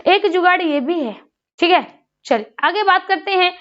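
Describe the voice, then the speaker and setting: A woman's voice: extremely high pitch, animated, normal speed, highs cut off. A woman teaching grammar in an online exam-prep lesson. She asks a question, answers it, then repeats it, and she sounds out syllables aloud for drilling.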